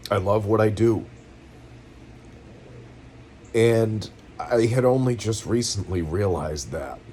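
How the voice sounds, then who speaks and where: A middle-aged man with a New England accent and a low, deep voice talks through his feelings, weary and near tears. His speech is halting and rambling, full of restarts, earnest throughout. A faint hum of noise sits underneath. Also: mellow. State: weary and in pain, close to tears. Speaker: vlogger. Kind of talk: emotional personal venting. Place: at home, seated.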